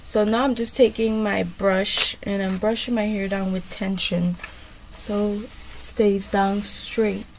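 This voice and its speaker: A woman's voice: mid-range voice, fairly even intonation, slow pace, a little hiss or hum. Chatty woman rambling through a tutorial. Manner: chatty and rambling, many fillers. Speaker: beauty vlogger. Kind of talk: casual hair tutorial.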